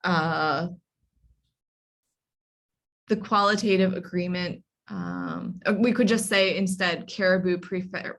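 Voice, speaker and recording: Over a video call, a library workshop instructor leads an online writing workshop. Her mid-range voice has a creaky edge, and she explains things step by step, with lots of ums and restarts.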